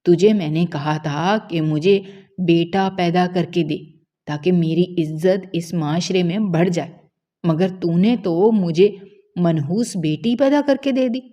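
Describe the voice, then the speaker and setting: A woman voicing a cruel, angry village father who shouts harshly and scornfully in a storybook tale. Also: on the low side, dull audio, lightly acted. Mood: furious.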